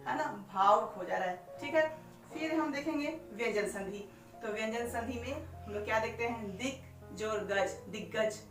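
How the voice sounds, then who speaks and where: A woman teaching a grammar lesson step by step, asking herself questions and stretching out sounds as she spells them. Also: a little high. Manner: repeats each step with rhetorical questions. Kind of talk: classroom-style explanation. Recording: echoey room, far from mic, faint music.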